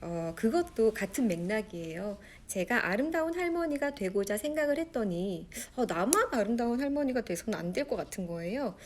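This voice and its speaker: A woman's voice: medium pitch, expressive, brisk, few pauses, a little mellow, slight background noise. A woman in her forties, an author answering interview questions with a storytelling manner. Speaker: author guest.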